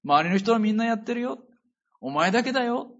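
A man voicing a taunting male Satan who mockingly accuses the listener of failures, in a husky voice on a dull lo-fi recording. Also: very high voice, lively intonation, fairly quick, voice pushed up, full character voice. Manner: mocking, needling tone.

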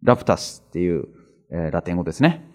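Low-voiced guy preaching, chatty bible study vibe, reads verses slow and repeats the refs. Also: lively intonation. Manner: conversational, explains with everyday examples and asides; reads scripture aloud slowly, repeating references. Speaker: pastor. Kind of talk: Bible teaching sermon.

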